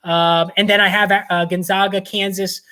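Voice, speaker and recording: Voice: medium pitch, flat delivery, moderate pace, bright, forceful tone. A host talking through tournament predictions in a casual monologue, rambling with lots of fillers and restarts, and confident in the picks. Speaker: sports bracket analyst host.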